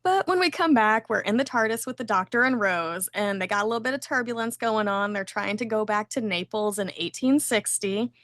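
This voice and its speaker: A woman's voice: mid-range voice, a little fast, few pauses, fairly bright tone, no echo, clean studio sound. A woman hosting a podcast, recapping an episode in a playful, gushing way. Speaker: podcast host.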